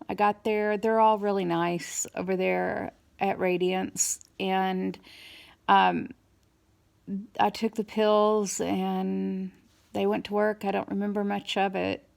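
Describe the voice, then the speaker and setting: A woman giving a casual, halting personal update, weary after dental surgery, slightly hoarse, with speech a little impeded by a swollen mouth and new teeth. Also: medium pitch, level tone.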